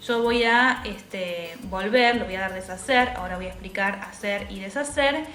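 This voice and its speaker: A woman teacher, patiently explaining a software tutorial step by step and checking in with tag questions. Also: mid-range voice, normal speed. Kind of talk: screen-recorded software tutorial. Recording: echoey room with faint music.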